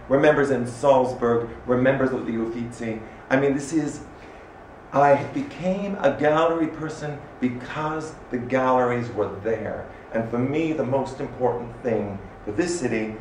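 A middle-aged man from Canada giving an animated, expressive public talk as an arts director in a small room. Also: medium pitch. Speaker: arts director speaking at a salon. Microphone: standing microphone. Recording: echoey room from far off, faint noise.

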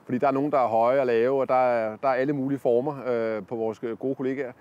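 In his forties, a man reviews a product casually on a campsite lawn, speaking into a lapel mic with lots of fillers and restarts. His voice is medium-pitched, steady, and darkish, and the audio sounds dull.

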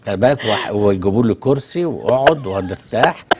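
An Egyptian man with an Egyptian Arabic accent, a talk show guest calmly explaining through stories. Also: lowish voice, quick pace, noisy background. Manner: storytelling, calm and explanatory. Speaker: guest expert on immigration. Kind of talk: studio talk show conversation.

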